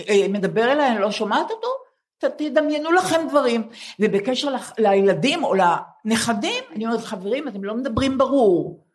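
A woman in her seventies with a slightly high voice tells stories in a wry, teasing way. She co-hosts a chat podcast taped live in front of building residents. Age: 70s. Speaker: podcast co-host. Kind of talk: comic storytelling chat.

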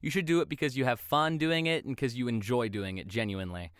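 A man's voice: mid-range voice, steady tone, fast talker, clean tone, no echo, clean studio sound. A young man, a voice actor, chatting casually as a guest on a podcast, laughing often.

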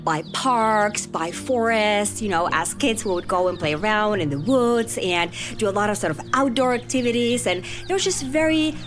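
A woman's voice: medium pitch, normal speed, hardly any pauses, over music. A woman from Finland, talking as a podcast guest in a chatty, easygoing way, often adding "right?" and "you know". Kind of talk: conversational interview.

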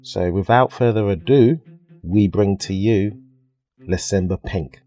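A man's voice: on the low side, unhurried, warm tone, soft background music. A man hosting a podcast in casual interview chat, playful and joking with his guest. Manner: playful, laughs and jokes with guest. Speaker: podcast host.

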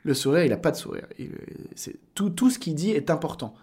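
A man's voice: on the high side, very animated, a little fast, a little mellow. A man in his thirties, a voice actor guest on a casual podcast, explaining at length with frequent hesitations and fillers.

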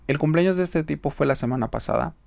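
Mexican man, podcast host, gravelly voice, dry close sound, casual advice talk. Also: a little high, fast, darkish tone, no echo. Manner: chatty, emphatic, talks straight to the listener.

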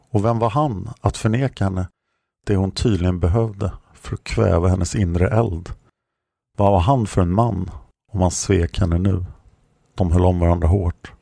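A man reads an audiobook chapter in a measured, somber way. His voice sits low with a gravelly edge, recorded close with no room sound. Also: mellow, no room sound. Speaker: audiobook narrator. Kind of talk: scripted narration.

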